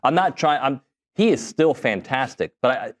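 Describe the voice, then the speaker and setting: A man's voice: mid-range voice, animated, moderate pace. A man hosting a sports radio show, talking casually and thinking aloud. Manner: conversational, thinks aloud with restarts.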